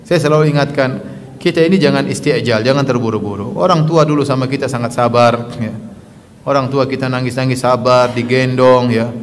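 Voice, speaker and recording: A male preacher giving a sermon to women, tagging his phrases with a repeated "ya" and swinging from loud emphasis to soft asides. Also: mid-range voice, brisk, slight background noise. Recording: long reverb of a hall.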